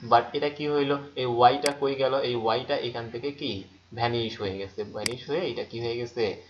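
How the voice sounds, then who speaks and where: A man's voice: mid-range voice, steady tone, normal speed. A man with a Bangladeshi Bengali accent teaching an online English grammar lesson, explaining step by step, repeating words, spelling letters out and answering his own questions. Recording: slightly dull, faint noise.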